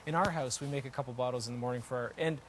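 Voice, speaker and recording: A man's voice: mid-range voice, racing, background noise. A man demonstrating his own invention live, explaining it step by step with emphatic repetition. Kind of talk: unscripted live product demonstration.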